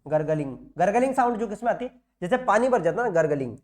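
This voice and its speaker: A man's voice: high voice, expressive, rapid-fire, a little mellow. A man teaching nursing exam material in a classroom lecture style, repeating key words and asking and answering his own questions.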